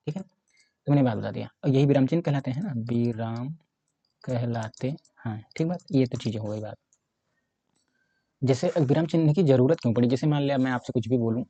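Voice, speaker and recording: A man's voice: medium pitch, dark tone, no room sound, muffled recording. A man teaching a Hindi grammar lesson for exam preparation, explaining step by step while writing and often checking in with his students.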